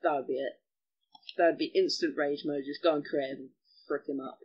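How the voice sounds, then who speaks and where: A man giving chatty gameplay commentary as host of a gaming channel, excitable and given to mild cursing. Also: on the high side, moderate pace, slightly rough, dull audio.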